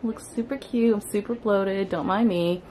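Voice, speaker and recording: Speaking into a handheld camera's mic, a twentysomething woman vlogger chats casually and cheerfully, peppering her talk with "like" and "um." She films in a hotel room, a cafe and a thrift store, her medium-pitched, dark voice steady and moderately paced over a little hiss or hum.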